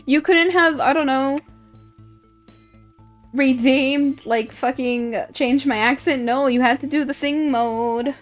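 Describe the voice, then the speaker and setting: A woman's voice: sits high, slow pace, soft background music. A woman streamer reading quiz questions aloud in casual chat, playful and mock-indignant, swearing casually.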